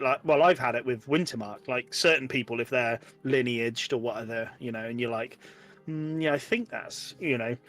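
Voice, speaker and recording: A man's voice: mid-range voice, pushed and bright. A man hosting a podcast in casual chat, rambling with many fillers like "like" and "you know".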